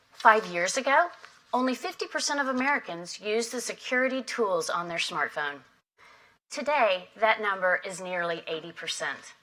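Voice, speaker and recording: Bright-voiced woman giving a keynote. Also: medium pitch, poor audio. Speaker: industry association head opening a summit. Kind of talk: prepared keynote speech. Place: conference hall.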